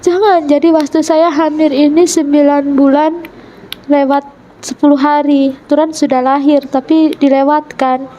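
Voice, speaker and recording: Woman, high-pitched, mellow warm tone, earnest personal testimony, halting, quotes dialogue. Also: little pitch movement, dull audio, slight background noise. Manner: retells events by acting out quoted dialogue. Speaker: convert telling her life story. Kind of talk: emotional personal testimony in an interview.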